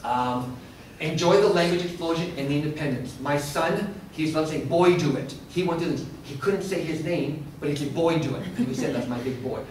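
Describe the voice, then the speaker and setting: A middle-aged man presents a workshop lecture, often turning to the audience with questions. His voice sits a little on the high side. He is recorded from a distance in a very echoey room, with a faint hiss behind him. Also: brisk. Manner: interactive, asks the room questions.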